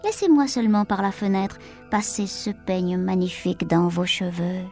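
A woman's voice: mid-range voice, normal speed, dark tone, soft background music, lightly acted. A woman voicing a wicked queen disguised as an old peddler woman in a storybook, coaxing and wheedling. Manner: coaxing, sing-song hawking.

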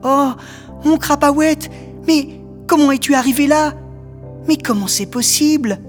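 A woman voicing an excited little schoolboy in a storybook, bright and insistent. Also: high voice, a little slow, faint music behind. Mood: amazed. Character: eager little schoolboy, excited and attached to his drawing. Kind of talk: storybook character acting.

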